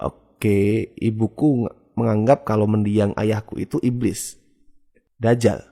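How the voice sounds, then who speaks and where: A man's voice: lowish voice, little pitch movement, unhurried, gravelly, mellow. A man narrating a first-person horror story in a casual, conversational way.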